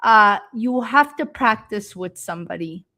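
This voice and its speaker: A woman from Canada who teaches English, giving a live-stream speaking lesson with slow, patient explanations and frequent ums and uhs. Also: medium pitch, expressive, sharp tone.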